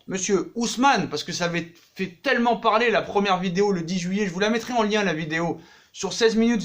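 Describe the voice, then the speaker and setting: A man talking casually about football transfers in a vlog, acting out the people he talks about, with slangy jokes. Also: sits high. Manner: animated, acts out the people he talks about, jokey street slang. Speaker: football vlogger.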